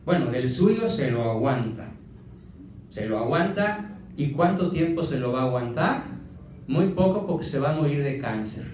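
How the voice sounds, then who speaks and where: A man's voice: medium pitch, expressive, normal speed, darkish tone, slight background noise. A man with a Mexican accent giving a motivational lecture, firing rhetorical questions at his audience. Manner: emphatic, fires rhetorical questions. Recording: echoey room from a distant mic.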